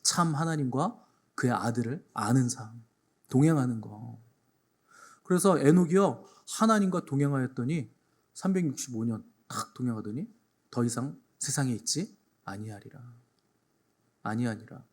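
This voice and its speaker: A man's voice: mid-range voice, normal speed, a little mellow. A man preaching a Sunday sermon to his congregation in a church. He repeats key phrases for emphasis and tells jokes. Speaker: pastor.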